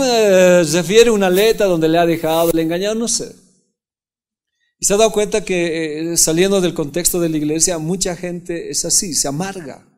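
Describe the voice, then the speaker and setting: A man's voice: on the high side, a little mellow. A male pastor giving a Bible-study sermon in a conversational way, often asking his listeners rhetorical questions.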